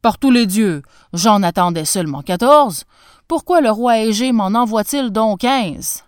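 A woman doing a booming, cruel old king. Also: normal speed, clear, resonant tone, no echo, clean studio sound, natural voice. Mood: scornful.

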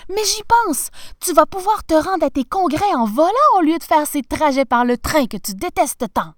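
A lively, practical wife from a storybook, as a woman puts her on, bright and encouraging in her talk. Her voice sits high and bounces with animation. The sound is dry and close. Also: normal speed, no echo. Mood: enthusiastic.

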